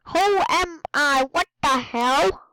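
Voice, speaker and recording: An excitable woman giving casual commentary while she plays a game. Her voice sits high and sounds bright. She talks slowly and keeps reacting out loud to the game. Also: low-quality recording. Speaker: gaming video host.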